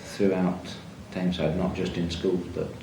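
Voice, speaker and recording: A very low-voiced man from a school's staff speaks formally in his office, measured and a little hesitant. The sound is roomy and distant. A steady noise runs underneath. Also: gravelly. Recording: echoey room, far from mic, noisy.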